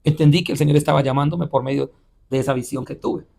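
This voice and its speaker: A man with a fairly high voice recounts his testimony as a pastor. He talks haltingly, restarting phrases and filling pauses with "eh". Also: fairly even intonation, creaky, warm tone. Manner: halting, repeats words and says "eh" often. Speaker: pastor and missionary. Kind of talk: telling a personal testimony in an interview.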